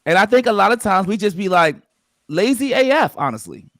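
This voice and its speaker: High-pitched man, blunt and emphatic. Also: very animated, quick pace, a bit bright, no room sound, clean studio sound. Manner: emphatic, insistent, drives to wrap up. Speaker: podcast host. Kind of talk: casual discussion.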